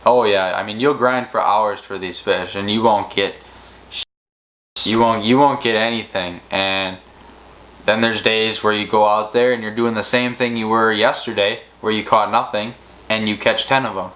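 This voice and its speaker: A man's voice: on the low side, fairly even intonation, normal speed, a bit bright, poor audio. A man co-hosting a fishing channel, telling stories in a casual, rambling way with many restarts. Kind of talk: casual storytelling chat.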